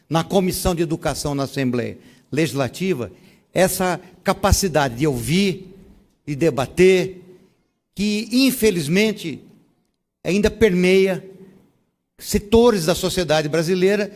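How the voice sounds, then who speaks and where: A man, a state legislator, giving a measured, oratorical ceremonial speech in a council chamber. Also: fairly high pitch.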